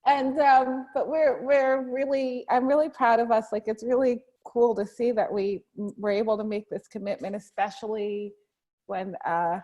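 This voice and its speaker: A fairly high-pitched woman guides a tapping session, speaking calm affirmations for her partner to repeat. Between rounds she turns chatty and laughs easily, keeping a friendly, informal tone. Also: dull audio. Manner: giggly, chatty, leads affirmations slowly. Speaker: EFT tapping practitioner and co-host. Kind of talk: guided tapping affirmations, then casual chat.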